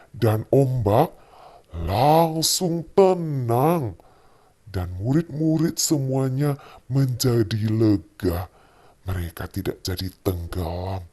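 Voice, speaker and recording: A man's voice: on the low side, a little mellow, breathy edge, exaggerated voice. A man voicing a patient father who tells his child a Bible story at bedtime, speaking in a soothing way. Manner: soothing, acts out voices in the story.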